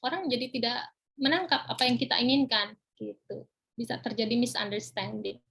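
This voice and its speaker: A woman giving a pronunciation webinar lesson, dropping "ya" and "nah" into nearly every phrase and slowing down for her English example phrases. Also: fairly high pitch, steady tone, vocal fry, fairly bright tone, breathy edge.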